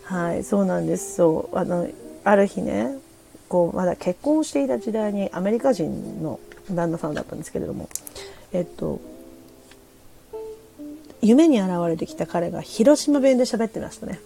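Middle-aged woman from Japan, casual solo radio host, chatty and hesitant, low gravelly voice. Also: expressive, warm tone, soft background music. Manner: chatty, laughing, hesitant, switching between Japanese and halting English. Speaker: podcast host. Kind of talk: casual solo radio chat reading listener comments. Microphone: phone or desk mic on a streaming app.

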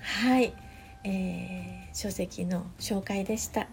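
A woman's voice: medium pitch, fairly even intonation, slow pace, creaky, faint music behind. A middle-aged woman, a counselor talking in a casual podcast monologue that rambles along with plenty of fillers. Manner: rambling, full of fillers, chatty asides.

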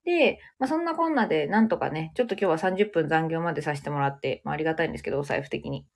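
A chatty woman talks through her day in a casual solo podcast. Her voice sits slightly low but swings widely in pitch, and she animates stories by dropping into English phrases. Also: expressive, rapid-fire. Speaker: podcast host.

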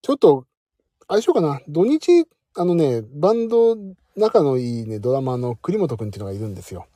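A man's voice: medium pitch, fast talker, no echo, studio quality. A man casually chatting and signing off on a late-night live audio stream, joking about himself as he talks to his listeners. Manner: chatty, self-mocking, warm sign-off to listeners.

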